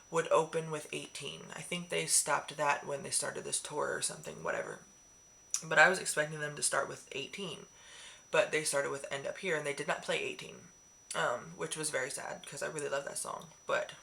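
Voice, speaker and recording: A woman vlogger chatting casually in a rambling, excitable way with many fillers. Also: sits low, creaky. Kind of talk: casual chat.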